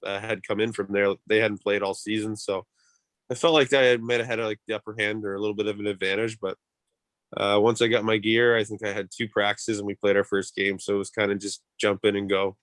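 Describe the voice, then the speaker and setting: A man with a lowish, fairly even voice gives casual interview answers. He speaks as a hockey player recounting his season, loosely and conversationally, in a very dry recording. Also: brisk, no echo. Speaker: professional ice hockey player being interviewed.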